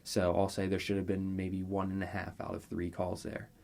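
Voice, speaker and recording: Low-voiced man breaking down basketball. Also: completely flat delivery, creaky, a little mellow. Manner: measured, analytical, detailed. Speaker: NBA analyst guest. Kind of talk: sports analysis chat.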